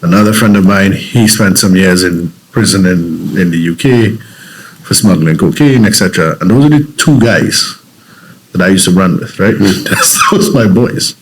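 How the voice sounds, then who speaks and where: On a rough recording, a very low-voiced man from Trinidad and Tobago, with a Trinidadian accent and a breathy edge, shares his story as an interview guest. At a moderate pace he speaks earnestly and reflectively, frequently restarting sentences while thinking aloud.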